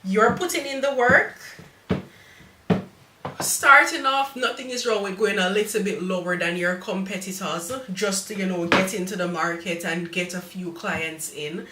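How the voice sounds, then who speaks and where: A woman's voice: medium pitch, measured pace, reverberant, recorded from a distance, background noise. A woman with a Jamaican accent hosting a live cake-decorating tutorial, chatty and motherly as she gives viewers advice and calls them darling.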